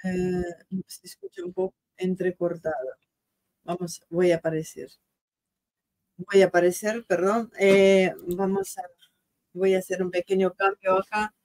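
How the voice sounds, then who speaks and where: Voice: mid-range voice, expressive, unhurried, a little mellow, no echo. A host chatting casually with viewers about the stream, apologetic and talkative. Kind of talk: casual live-stream chat.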